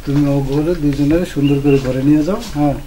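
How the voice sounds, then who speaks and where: A man's voice: on the high side, fairly even intonation, fast talker, far from the mic, close to an everyday voice, low-quality recording. An actor playing a commanding village father who brings home his son's bride, in a rural folk drama. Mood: reassuring. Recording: music behind the voice.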